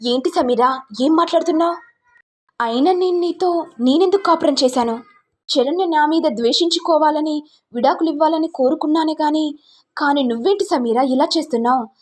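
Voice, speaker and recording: A woman's voice: high-pitched, fairly quick, darkish tone, pitched above the performer's own voice, lightly acted. A woman voicing a flustered young husband who denies an accusation. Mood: defensive. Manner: defensive, exasperated.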